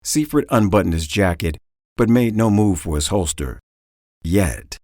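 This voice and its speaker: A man reading an audiobook in dramatic, expressive storytelling, close to the mic. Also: low-pitched, a little slow, dry recording. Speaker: audiobook narrator. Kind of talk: scripted audiobook narration.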